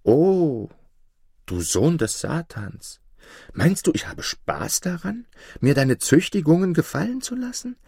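A man telling a fable aloud, his pitch moving widely as he voices a sharp-tongued fox. His voice is slightly husky, recorded close and dry. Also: slow pace, no room sound. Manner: lively storyteller voicing a clever sly fox. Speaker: narrator. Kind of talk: storytelling narration.

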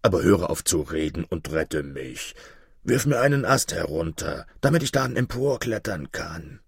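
A storybook wolf stuck in a pit, pleading and whining in a very deep voice, as a man puts him on. The tone is gravelly and a bit husky, with close dry sound. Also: big pitch swings, moderate pace, no echo, exaggerated voice. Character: trapped pleading male wolf, whiny and deceitful.

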